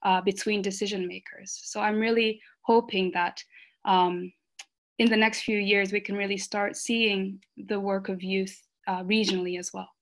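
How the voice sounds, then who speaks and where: A woman who grew up in Rwanda, speaking earnestly on an online panel, with many fillers and pauses. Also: mid-range voice, little pitch movement.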